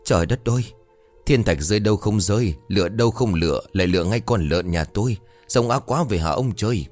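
A man's voice: on the low side, lively intonation, brisk, darkish tone, soft background music, lightly acted. A man voicing an older village woman who owns a pig, lamenting in a raised voice. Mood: wailing.

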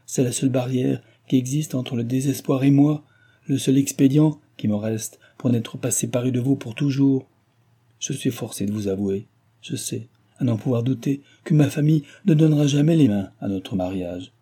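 A man voicing an impetuous young gentleman who pleads with ardent warmth. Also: medium pitch, normal speed, husky.

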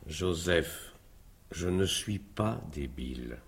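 An actor playing a fussy, exasperated lawyer who grumbles and protests in a flustered, exclamatory way. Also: male voice, deep voice, animated, slow, slightly rough, exaggerated voice. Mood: indignant. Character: fussy, exasperated middle-aged male lawyer sidekick.

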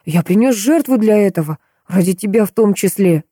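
A woman's voice: mid-range voice, animated, brisk, dark tone, breathy edge, dry recording, studio quality, pitched above the performer's own voice. A woman reading an audiobook, voicing a fervent, unstable young man who talks with feverish insistence.

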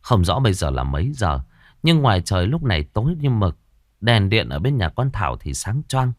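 Lively male ghost-story narrator. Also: lowish voice, normal speed, no echo, clean studio sound.

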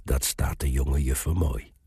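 A man's voice: rumbling low, steady tone, unhurried, warm tone, breathy edge, dry recording, clean studio sound, full character voice. A man voicing a sly, leering old male dwarf who wheezes and gloats.

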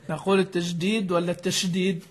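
A man's voice: high-pitched, husky. A man teaching the rules of Quran recitation, explaining a classical text patiently and asking his class questions as he goes. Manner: mixes formal and colloquial speech.

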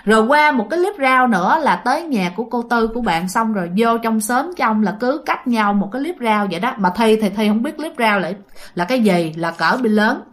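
A woman with a Southern Vietnamese accent tells a ghost story in a loose, chatty voice. Her pitch sits a little high. She fills her sentences with small fillers and keeps speaking to her listeners. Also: lively intonation, fairly quick. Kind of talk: casual ghost story narration.

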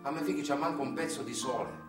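Mournful and expressive, a medium-pitched voice close to an everyday one speaks fast as an actor portrays a bitter, anguished Sicilian father from the countryside with a Sicilian accent. The theatrical monologue is chanted and declaimed, emphatic and incantatory with repetitive phrasing, in a roomy, distant stage recording with music.

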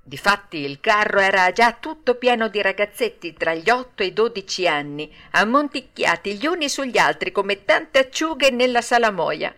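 A woman narrating a classic children's story with a lively, expressive reading. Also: medium pitch, moderate pace, few pauses. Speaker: audiobook narrator.

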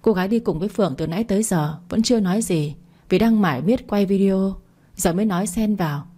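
A woman's voice: mid-range voice, quick pace, dark tone. A woman reading a family drama story aloud as narrator, voicing the quoted parts herself with little change.

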